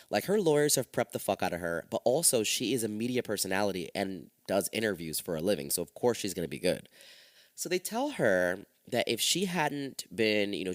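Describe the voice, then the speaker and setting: A man hosting a podcast, retelling a true-crime case in a casual, profane, animated way on a close mic. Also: lowish voice, dry recording. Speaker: podcast host.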